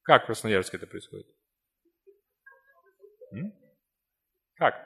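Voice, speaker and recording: A man's voice: fairly low pitch, very animated, slow, vocal fry, a bit bright, husky. A man in his forties giving a live seminar talk, answering notes from the audience in a teasing, ironic, conversational way. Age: 40s.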